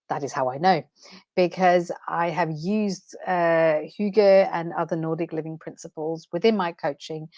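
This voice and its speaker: A woman with a fairly low voice and a Danish accent, recorded with no room sound, is a transformation coach on her first livestream. She chats unscripted and passionately but a bit nervously, with fillers and self-corrections.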